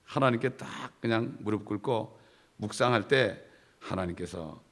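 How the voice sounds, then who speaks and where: A man's voice: lowish voice, unhurried. A middle-aged male pastor teaching a Bible study sermon, emphatic and conversational, with asides to the congregation.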